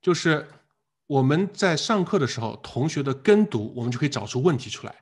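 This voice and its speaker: Lively husky male English teacher. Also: a little high, fairly quick. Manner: animated, asks the class questions and drills words by repetition. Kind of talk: live online lecture.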